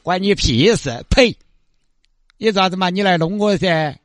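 A man's voice: high voice, measured pace, no room sound, clean studio sound, soft background music. A man doing a brash old Sichuan beggar woman. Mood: defiant. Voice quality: brash, taunting dialect banter. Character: stubborn old female beggar, brash and mocking.

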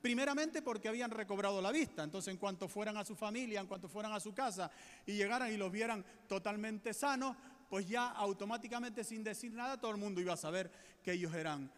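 A man with a Spanish accent preaching a sermon as a pastor, earnest, slowing down to stress key points. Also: high voice, fairly bright tone, in a large hall. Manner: earnest preaching, slows right down for emphasis.

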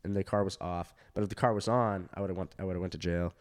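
Male stand-up comic, lowish voice, loose rambling anecdote with lots of swearing and quoted voices. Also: quick pace. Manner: rambling, filler-heavy and profane, with animated quoted voices. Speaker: stand-up comedian. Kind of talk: casual storytelling chat.

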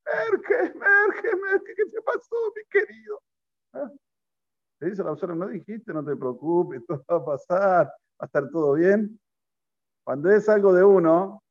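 A man teaching a Torah class, telling stories and putting questions to his listeners. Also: a little high. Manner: storytelling, poses questions to listeners, mixes in Hebrew terms. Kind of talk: Torah class to a live group. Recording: lo-fi recording.

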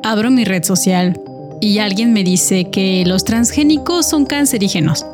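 A woman hosting a podcast, reading a scripted, reflective closing narration in a measured way. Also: medium pitch. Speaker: podcast host. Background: music.

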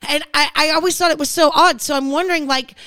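A woman's voice: sits high, steady tone, fast talker, sharp tone, no echo. A woman hosting a casual reality-show recap podcast, chatting in a gossipy, rambling way. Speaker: podcast host.

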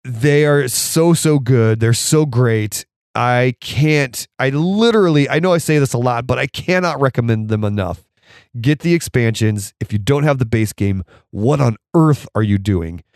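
Raspy-voiced man with a cold, enthusing. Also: mid-range voice, animated, a little slow, darkish tone, dry recording, studio quality. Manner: enthusiastic, laughs often. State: hoarse from a cold. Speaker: podcast host reviewing board games. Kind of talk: casual podcast talk.

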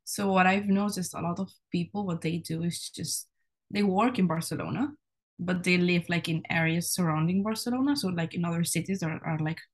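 A woman's voice: fairly low pitch, a little fast. A young woman from Spain, a university student, chatting casually as a podcast guest, with many "like" and "you know" fillers. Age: young adult.

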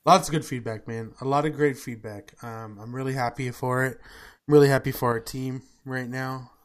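A man's voice: medium pitch, steady tone, moderate pace. A man co-hosting a podcast in casual chat, informal and repeating his phrases for emphasis. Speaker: podcast co-host.

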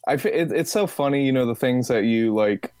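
A man in his twenties from Texas talks casually on a podcast, wandering through his thoughts with lots of fillers and restarts. His voice sits at an ordinary pitch for a man. The recording is dry and close, with no room sound. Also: a little fast, darkish tone, smooth, no echo. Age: 20s. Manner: rambling, many fillers and restarts. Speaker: podcast guest.

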